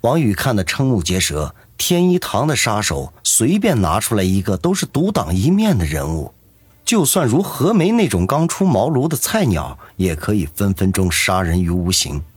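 A man narrating a serialized novel with expressive storytelling. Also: lowish voice, normal speed, husky, no room sound. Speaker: audiobook narrator.

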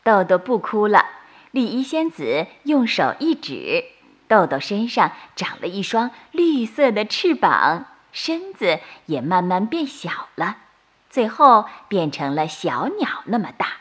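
A woman storyteller narrating a bedtime story for children in a slow, soothing manner. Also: mid-range voice, big pitch swings. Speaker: storyteller host.

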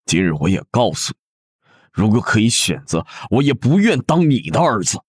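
A man plays a ruthless prince in an audio drama, his voice low and deep yet swinging widely in pitch. He sneers coldly, close and dry. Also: lively intonation, a little slow, no echo, heavily acted. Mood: scornful. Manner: sneering, cold. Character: cold, ruthless young prince.

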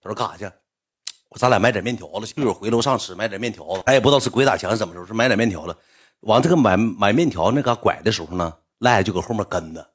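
Brief: rapid, husky Northeastern Chinese man, rough-spoken livestream storyteller. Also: fairly low pitch. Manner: rambling, rough-spoken, swings loud when animated. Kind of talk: casual storytelling to a live audience.

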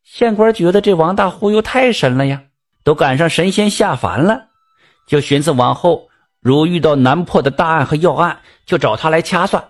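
A man with a Northeastern Mandarin accent tells a folk tale in a relaxed, folksy manner, dropping asides to the listener. His speaking voice sits a bit on the high side. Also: moderate pace. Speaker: storyteller.

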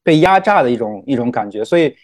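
A man's voice: mid-range voice, lively intonation, fast talker. A man from mainland China speaking casually and reflectively, repeating words as he searches for phrasing. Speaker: guest teacher.

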